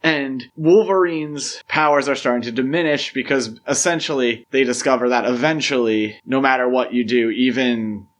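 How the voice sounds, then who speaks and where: Speaking in a mid-range voice at a moderate pace with few pauses, this man hosts a podcast about movies. He shares strong opinions and explanations casually, his ideas stretching out in lengthy, meandering threads.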